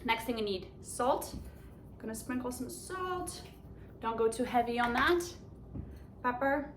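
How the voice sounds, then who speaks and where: Speaking with a Polish accent and a slightly high voice, a cooking show host demonstrates home cooking step by step with chatty enthusiasm. Her intonation is lively and her pace measured. Echo and clear kitchen background noise fill the recording.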